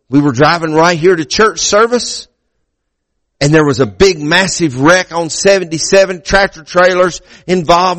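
High-pitched preaching pastor, a man. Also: dry recording. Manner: preaching with rising emphasis and repetitions. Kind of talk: sermon. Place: church.

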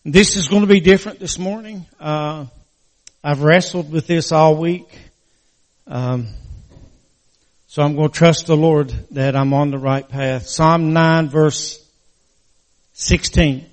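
An older man from West Virginia preaching a church sermon in an earnest, halting, folksy way, his words slightly slurred from a crooked, post-surgery mouth. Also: fairly high pitch, fairly even intonation, long reverb tail.

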